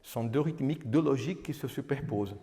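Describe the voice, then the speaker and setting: Talking fast in a dark, mid-range voice, he demonstrates cantoria by counting beats and singing illustrative verses with guitar. Restarts come often, and the lecture hall's long reverb lingers behind him.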